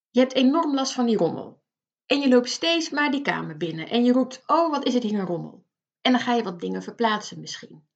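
A woman's voice: medium pitch, creaky, darkish tone, dull audio. A woman coaching the listener in a motivational self-help talk, earnest and direct, speaking straight to them. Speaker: life coach.

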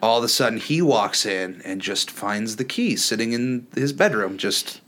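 A man hosts a podcast in relaxed, casual conversation. He jokes around and talks loosely, tripping over restarts and filling pauses with ums and uhs. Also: lowish voice. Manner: loose, joking, many fillers and restarts. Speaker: podcast host. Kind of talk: casual chat.

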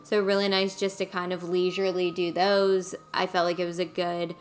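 A woman's voice: fairly low pitch, little pitch movement, normal speed, slight background noise. A woman co-hosting a casual podcast, going over her notes in an easygoing way. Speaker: podcast co-host. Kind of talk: casual chat.

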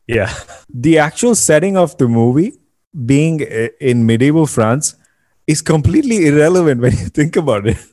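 A man's voice: a little high, lively intonation, normal speed, warm tone. Rambling man podcast co-host. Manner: rambling, repeats words, restarts sentences. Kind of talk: casual chat.

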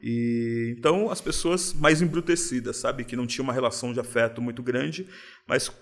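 Relaxed São man, slang-heavy. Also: medium pitch, a little fast. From São Paulo, Brazil. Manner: relaxed, reflective, uses street slang. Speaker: guest. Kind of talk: casual interview.

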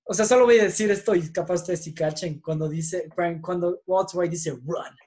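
A young man in casual chat with friends, animated and quick to laugh. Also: high voice.

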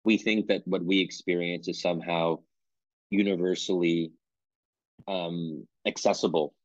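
His voice is low-pitched, fairly even and unhurried as this Pennsylvania author answers an interview as a guest. He thinks things through, qualifies himself and restarts frequently, in a dull, dry lo-fi recording.

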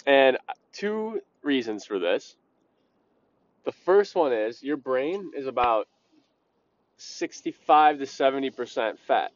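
A man's voice: medium pitch, animated, slow, long pauses, dull audio. Blunt, opinionated podcast host, a man. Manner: blunt, opinionated, swears casually. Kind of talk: casual solo podcast talk.

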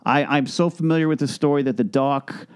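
A man's voice: a little high, fairly quick, clear, resonant tone, no echo, studio quality. A man co-hosting a casual podcast, telling stories in a rambling way and restarting words as he goes. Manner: rambling storyteller who repeats words as he restarts. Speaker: podcast co-host. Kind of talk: casual chat.

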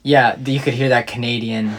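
A man's voice: mid-range voice, fairly even intonation, brisk. A young man co-hosting a podcast, chatting casually and joking with his co-host. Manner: joking, bantering. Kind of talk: casual chat.

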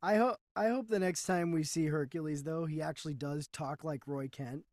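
A man's voice: on the high side, fairly even intonation, moderate pace, a little mellow, no room sound, studio quality. A man co-hosting a podcast, chatting casually about a movie and chiming in agreeably. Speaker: podcast co-host. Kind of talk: casual movie review chat.

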